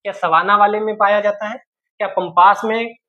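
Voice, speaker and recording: A man's voice: high voice, steady tone, a little fast, sharp tone, dry recording, lo-fi sound. A man teaching exam questions in a lecture style. He explains step by step, repeats key points and mixes in English terms.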